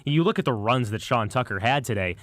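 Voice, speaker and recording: Speaking quickly and expressively in a mid-range, slightly bright voice, this sports talk radio co-host walks through his analysis with earnest, chatty sincerity, stumbling over a word here and there. A close studio microphone gives a dry sound.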